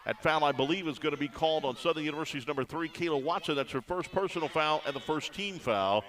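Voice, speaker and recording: A man's voice: fairly high pitch, fast talker, fairly bright tone, low-quality recording. A man giving live play-by-play commentary on a college basketball game, folksy and conversational, with frequent "uh" fillers. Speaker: play-by-play announcer.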